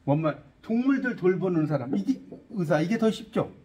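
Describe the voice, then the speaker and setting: A man's voice: high-pitched, normal speed, lo-fi sound. A middle-aged man teaching an English lesson in Korean, quizzing his listeners and joking as he goes. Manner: lively, asks students questions, jokes. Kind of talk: classroom-style lecture.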